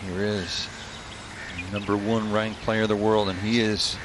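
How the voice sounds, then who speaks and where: A man's voice: lowish voice, flat delivery, a little slow. A man anchoring live golf commentary as the lead announcer, calling the play. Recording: clear outdoor noise behind the voice.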